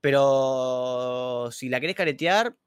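A young man with a Rioplatense Argentine accent, talking in slangy, animated bursts on a livestream chat. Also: mid-range voice, slow pace, clear, resonant tone, dry recording, clean studio sound. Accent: Rioplatense Spanish. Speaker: streamer guest. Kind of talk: casual chat on a stream.

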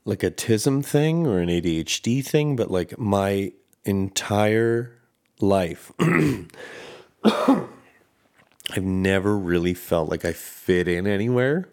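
A man with a very low voice hosts a solo podcast. He rambles in a loose, candid way and swears freely. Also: expressive, takes it slowly, a little mellow, clean tone. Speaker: podcast host. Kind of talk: casual solo podcast monologue.

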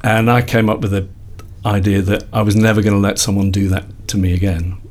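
The guest is a man in his sixties from Liverpool, England, a psychologist and founder of a company, sharing his career story in a casual interview. He talks a little fast in a level tone, his voice on the low side, reflecting at length with many self-corrections.

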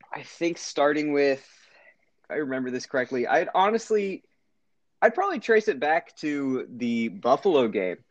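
A man with a mid-range voice co-hosts a casual sports podcast, rambling, animated and correcting himself as he goes over his team's season. The recording has its highs cut off.

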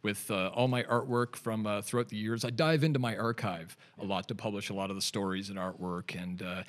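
This forties-aged Canadian man, a digital artist, has a lowish voice with fairly even intonation and a fairly quick delivery. He's a podcast guest in a studio, chatting casually in a rambling, relaxed way with plenty of fillers and restarts.

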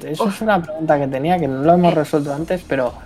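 A man from Spain talking about games in a relaxed podcast chat, with a Spanish accent. He works through his ideas aloud and fills his sentences with "o sea" and "pues". Faint music sits under his voice. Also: on the high side, fast. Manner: thoughtful, explains at length with many fillers. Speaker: podcast co-host.

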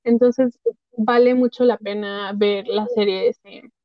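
A woman's voice: medium pitch, fairly even intonation, takes it slowly, no echo. Woman podcast co-host, talkative, slightly lo-fi. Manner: chatty, full of fillers. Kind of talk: casual chat.

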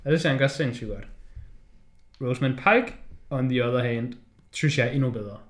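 A man co-hosting a casual film discussion, swearing freely and acting out scenes in quick quoted voices. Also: mid-range voice, fairly bright tone. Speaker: podcast co-host. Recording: roomy echo.

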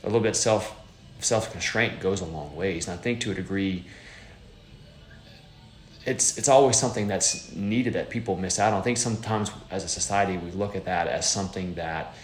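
A man's voice: low-pitched, normal speed, roomy sound. A man in his thirties hosting a podcast, rambling casually with lots of fillers and restarts. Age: 30s. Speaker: podcast host.

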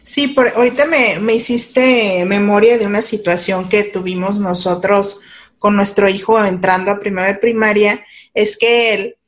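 A woman's voice: medium pitch, steady tone, normal speed. A woman, hosting an interview, asking questions and sharing her own parenting experience in a friendly way. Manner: friendly, asks questions, shares a parenting story. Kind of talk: conversational interview.

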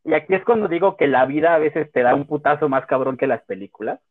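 A young Mexican man casually telling a personal story, animated and full of slang and swearing. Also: fairly high pitch, fast, dry recording. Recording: tinny phone-like audio.

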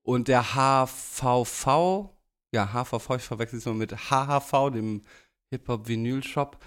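A young man co-hosts a podcast and rambles through his explanations, full of side remarks and filler sounds. His voice has an ordinary middle pitch. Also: moderate pace, a bit bright, clean tone. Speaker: podcast co-host. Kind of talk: casual chat.

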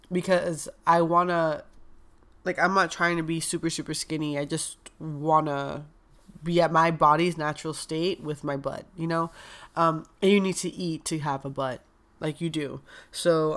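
A young woman who coaches wellness speaks frankly and casually on a podcast, her nose stuffed up and her sentences packed with "like" and "um." Her voice sits low, with fairly even intonation and a moderate pace.

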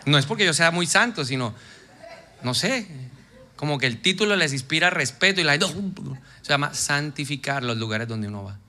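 A pastor preaches with lively energy, slipping into quoted voices and dropping to soft, intense tones. His voice sits a little high and rings very bright. He keeps the congregation engaged. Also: moderate pace, a little hiss or hum. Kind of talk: sermon.

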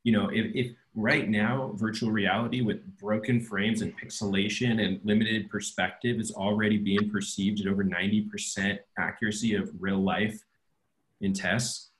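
Low-voiced man musing on a podcast. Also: level tone, moderate pace, a bit bright, poor audio. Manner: explanatory, leans on tag questions. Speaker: podcast host. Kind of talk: casual chat.

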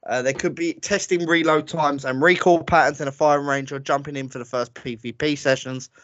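A man's voice: fairly high pitch, fairly even intonation, a little fast, a bit bright, dry recording. A man hosting a casual gaming podcast, blunt and dismissive, laughing now and then. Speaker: podcast host. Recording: dull, slightly lo-fi, dry sound.

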